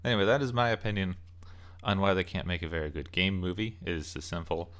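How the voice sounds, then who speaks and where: This host's voice sits low and sounds a bit bright, with fairly even intonation and a fast pace. He rambles through an informal rant about game movies, musing aloud in choppy phrases.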